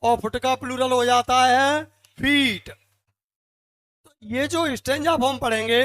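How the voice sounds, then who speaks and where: A male literature teacher lecturing slowly in Hindi. He keeps quizzing the class and answering himself, counting feet out one by one. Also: very high-pitched, steady tone, fairly bright tone.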